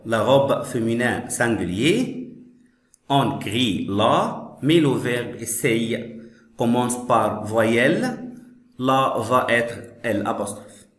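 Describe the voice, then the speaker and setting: A man teaching French, explaining slowly and patiently, repeating each phrase and glossing it in English. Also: mid-range voice, lively intonation, a bit bright. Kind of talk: slow classroom explanation. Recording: echoey room.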